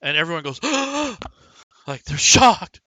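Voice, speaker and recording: Bright-voiced man running a tabletop game. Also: medium pitch, a little slow, no echo. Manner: casual, rambling narration with fillers. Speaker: game master.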